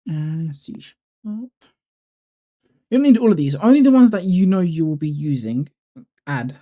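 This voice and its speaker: Man, deep dark tone, relaxed tutorial narrator who thinks aloud. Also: measured pace. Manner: relaxed, thinking aloud with fillers and self-corrections. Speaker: YouTuber walking through a code editor setup. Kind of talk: casual screen-recording tutorial.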